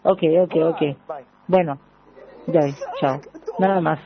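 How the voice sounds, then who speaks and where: A lovesick man pleads slowly and keeps repeating himself. The recording sounds dull and lo-fi, with a crowd clearly heard behind him. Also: fairly high pitch, fairly even intonation. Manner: pleading, repetitive. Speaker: lovesick serenader.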